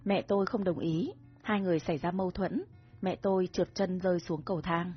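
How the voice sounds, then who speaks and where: A woman voicing a domineering but tender young man in a romance story, speaking softly and gently with a husky voice, over soft music. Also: on the low side, fairly even intonation, fairly quick. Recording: dull recording with soft music.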